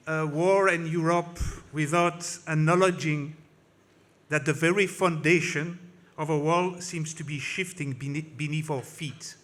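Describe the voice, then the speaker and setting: A man with a slightly high, somewhat bright voice delivers a passionate political speech in English at a conference. French is his first language, so he speaks with a French accent, often slipping and restarting.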